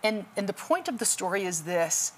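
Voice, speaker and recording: A woman shares a vivid personal testimony in an impassioned, preaching manner. Her voice sits at a middle pitch. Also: big pitch swings, normal speed. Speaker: guest speaker. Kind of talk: testimony storytelling.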